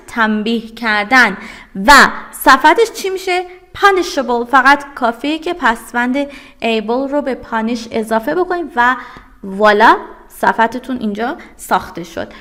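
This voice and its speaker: This is a woman with a somewhat high voice, teaching vocabulary in a recorded online lesson. She speaks with a Persian accent and works through each word step by step. She asks questions, answers them herself, and says the English terms slowly and clearly. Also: fairly bright tone. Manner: drills English words, slowly and clearly spoken.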